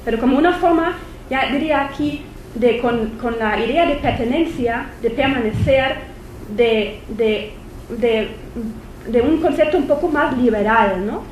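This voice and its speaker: In an echoey university lecture hall with faint background noise, a woman with a fairly high voice speaks at a measured pace. She is a visiting lecturer and non-native speaker with a German accent, presenting at an academic conference hesitantly, full of fillers and restarts.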